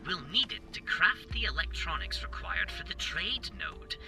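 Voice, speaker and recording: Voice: medium pitch, lively intonation, normal speed, gravelly, recorded from a distance, over music. An actor voicing a wary, fussy robot companion in a sci-fi video game, dry and instructive in manner.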